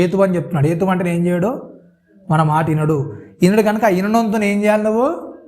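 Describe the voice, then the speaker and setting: Guy preaching, high voice, keeps asking the crowd questions. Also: darkish tone. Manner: asks the congregation questions, repeats "isn't it so?". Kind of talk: sermon.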